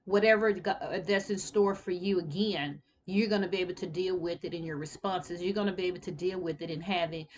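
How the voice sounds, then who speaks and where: Earnest lower-voiced woman in her fifties. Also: fairly even intonation, brisk, few pauses, highs cut off. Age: 50s. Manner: earnest, reflective storytelling. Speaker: tax preparer sharing life advice. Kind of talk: casual talk to camera.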